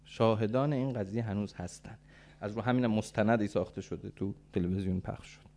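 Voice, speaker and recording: A man preaching a sermon as a dramatic story, swinging from soft, hushed lines to loud calls. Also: fairly low pitch.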